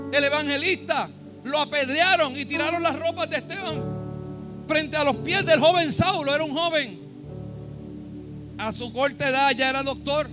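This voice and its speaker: A Puerto Rican pastor preaching a sermon in church, emphatic, repeating his points and calling on the congregation to respond. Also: very high-pitched. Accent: Puerto Rican Spanish.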